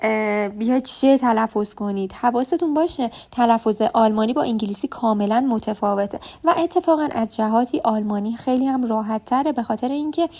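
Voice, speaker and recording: Patient woman teaching, soft mellow voice. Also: a little high. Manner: patient, explains step by step and repeats sounds slowly. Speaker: German language teacher. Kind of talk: online language lesson.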